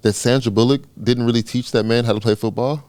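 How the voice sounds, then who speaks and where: A man co-hosting a comedy podcast, joking in a deadpan way with bursts of laughter. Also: medium pitch, fast. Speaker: podcast co-host. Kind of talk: casual comedy chat.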